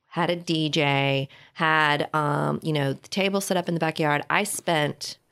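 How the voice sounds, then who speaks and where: A woman in her forties, co-hosting a casual chat and telling stories in an animated way. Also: deep voice, vocal fry. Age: 40s. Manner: animated storyteller. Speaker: podcast co-host.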